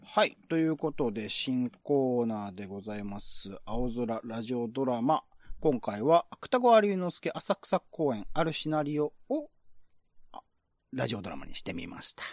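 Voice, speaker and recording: A podcast host talks about art and literature with enthusiasm, keeping it informal and conversational. He has a mid-range, sing-song voice at normal speed, with no room sound.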